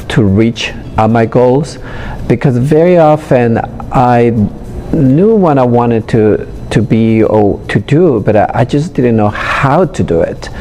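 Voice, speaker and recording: A middle-aged man from Honduras, answering interview questions in a hesitant way with many pauses. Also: medium pitch, gravelly, mellow, slight background noise. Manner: hesitant, frequent pauses and fillers. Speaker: interviewee, public health professional.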